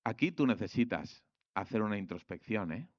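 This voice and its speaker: A young man from Spain preaching a sermon, colloquial and animated, acting out quoted voices. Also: lowish voice, normal speed, dry recording, lo-fi sound.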